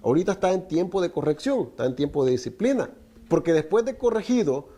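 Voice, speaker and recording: This middle-aged man, a native Spanish speaker, preaches a Torah lesson quickly and expressively in a slightly high but dark-toned voice, posing rhetorical questions to his audience.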